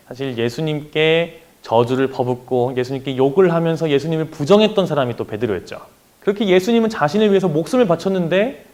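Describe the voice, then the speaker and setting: A man's voice: a little high, darkish tone. A young man preaching earnestly as youth pastor, then praying. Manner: earnest, emotive preaching with rising and falling emphasis. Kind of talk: sermon and prayer.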